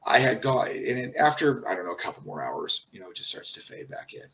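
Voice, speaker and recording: A man telling a personal story in a casual, rambling way, swearing often and pausing on fillers. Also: fairly low pitch, sing-song, gravelly, fairly bright tone, far from the mic. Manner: profane, rambling, halting with many fillers. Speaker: channel host.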